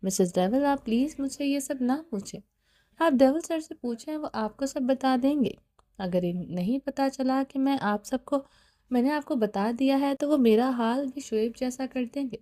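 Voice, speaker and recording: A woman's voice: high-pitched, mellow, natural voice. A woman reading the part of a scared, evasive young woman who pleads and refuses to answer.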